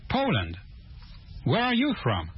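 A polite Polish student. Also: male voice, high-pitched, huge pitch swings, breathy edge, exaggerated voice. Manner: slow, careful learner's English. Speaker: student interviewed for a news report. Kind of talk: scripted language-course dialogue. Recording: muffled lo-fi studio recording.

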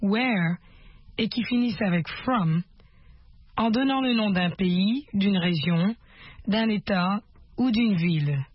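A woman narrating a scripted language lesson and giving calm, instructive prompts. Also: medium pitch, unhurried, pauses often, breathy edge, no room sound. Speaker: course narrator. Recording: muffled lo-fi recording over soft guitar.

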